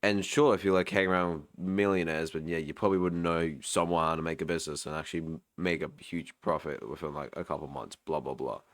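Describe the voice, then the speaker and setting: A man's voice: extremely low pitch, fairly even intonation, fairly quick, hardly any pauses. A sleepy young man in casual chat, rambling with lots of filler words. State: sleepy, yawning.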